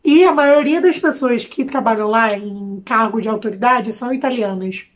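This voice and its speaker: A young woman from Brazil, speaking with a Brazilian Portuguese accent, vlogging in a chatty, expressive way with slangy asides. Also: on the high side, normal speed. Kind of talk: casual chat to camera.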